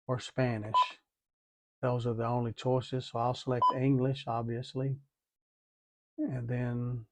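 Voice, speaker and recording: A DIY product demonstrator with a medium-pitched voice gives a methodical, hands-on tutorial, talking through each step and repeating himself as he goes. Some background noise is audible.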